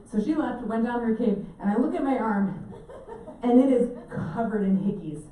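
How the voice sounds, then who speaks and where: A woman giving a talk to a live audience, telling animated stories and acting out the voices in them. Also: a little high, normal speed. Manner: animated, acts out quotes with laughter. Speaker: presenter giving an octopus talk. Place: indoor event space with audience. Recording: echoey room, mic from a distance, faint ambience.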